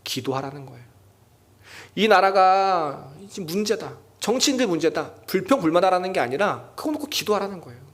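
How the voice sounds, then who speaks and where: A young adult man preaching a sermon as junior pastor at a church prayer meeting, acting out quoted lines in a loud raised voice. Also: high-pitched, animated, fairly quick.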